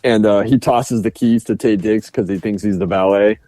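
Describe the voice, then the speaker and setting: A man co-hosting a casual film podcast, retelling scenes with plenty of laughter and false starts. His voice is mellow and warm, recorded close and dry, with faint music underneath. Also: on the low side, moderate pace, no room sound. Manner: animated retelling with frequent laughs and restarts. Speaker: podcast co-host. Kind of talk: casual film review chat.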